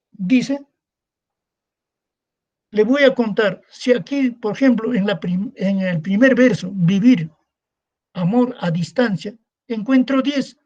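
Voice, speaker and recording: This recorded online lecture comes from a male secondary school teacher whose high voice has a darkish tone. The audio sounds muffled. His delivery is repetitive, and he asks himself rhetorical questions and then answers them.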